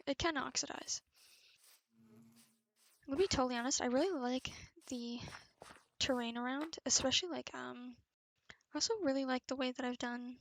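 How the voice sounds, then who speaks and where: A woman's voice: high voice, fairly bright tone. A young adult woman chatting casually as she narrates her gameplay, in a rambling, informal, self-effacing way. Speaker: video creator narrating gameplay. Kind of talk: casual gaming chat. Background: background music.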